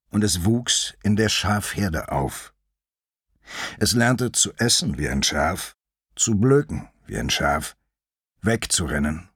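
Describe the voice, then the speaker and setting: A man reading an audiobook fable aloud in a slow, expressive storytelling manner, close to the mic. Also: on the low side, breathy edge, dry recording. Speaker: audiobook reader. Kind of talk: scripted audiobook narration.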